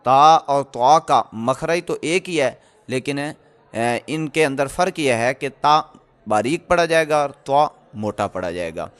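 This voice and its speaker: A man teaching tajweed in a recorded lecture, explaining slowly with many pauses and fillers and sounding out letters again and again. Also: medium pitch, expressive, smooth. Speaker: Quran recitation teacher.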